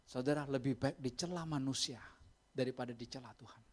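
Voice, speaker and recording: A man's voice: medium pitch, a little fast. A male pastor preaching a sermon, telling stories playfully and acting out the people in them. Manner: animated, playful storytelling with voiced impressions.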